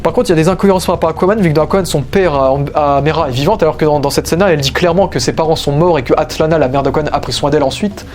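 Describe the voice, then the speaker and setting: A man's voice: fairly high pitch, rapid-fire, few pauses, darkish tone, soft background music. A man hosting a casual spoiler film recap, talking enthusiastically and rambling, often restarting his phrases. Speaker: film review host.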